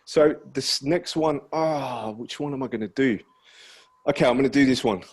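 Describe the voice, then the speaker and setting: A man who is a nervous spoken word poet at an online open mic, speaking in a slightly husky voice. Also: mid-range voice, normal speed. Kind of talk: spoken word poetry and casual chat between poems. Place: online virtual open mic over video call.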